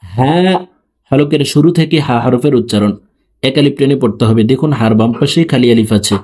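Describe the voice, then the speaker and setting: A man teaching letter pronunciation, explaining each sound slowly and then chanting it with long drawn-out vowels. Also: medium pitch, darkish tone, husky. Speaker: Quran reading teacher.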